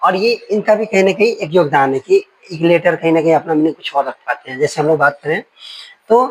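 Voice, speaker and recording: A man's voice: fairly high pitch, fairly quick, slightly rough, rough recording. A male teacher giving a grammar lesson, explaining with homely analogies and checking in with the class often.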